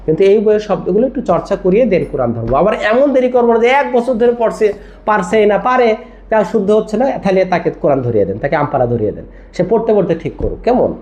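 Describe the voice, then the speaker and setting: Very animated and very fast, this medium-pitched, slightly mellow voice belongs to a Quran recitation teacher giving a tajweed lesson. Words are spelled out and drilled letter by letter, with frequent check-ins, and the highs are cut off.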